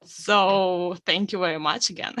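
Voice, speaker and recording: A woman's voice: on the low side, measured pace, fairly bright tone, slight background noise. A woman from Russia, an architect in game design, introducing herself on a video call with nervous little laughs. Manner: nervous laughs between phrases.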